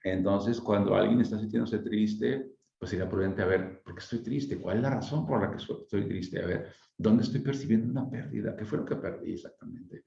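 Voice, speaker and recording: A man with a deep, gravelly voice talks conversationally, asking rhetorical questions as he explains. His tone is dark and mellow. The sound is dull and lo-fi, with noticeable room echo. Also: brisk, few pauses. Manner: reflective, asks rhetorical questions, frequent tag questions. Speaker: speaker on emotional wellbeing.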